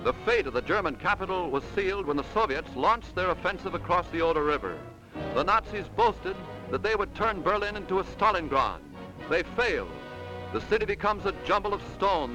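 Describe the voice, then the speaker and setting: A man's voice: high voice, low-quality recording. A man delivering old 1940s newsreel narration in a dramatic, emphatic announcer manner. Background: music score.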